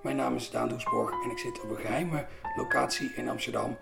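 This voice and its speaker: A man's voice: medium pitch, fairly quick, vocal fry. A man hosting a poetry podcast, welcoming his listeners and his guest in a friendly way and asking him questions. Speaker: podcast host. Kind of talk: podcast interview. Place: indoor room. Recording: roomy echo with faint music.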